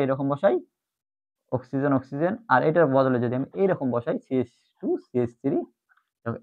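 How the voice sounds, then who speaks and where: A man teaching chemistry in an online lecture, explaining step by step and repeating the key terms. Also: on the high side. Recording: tinny phone-like audio.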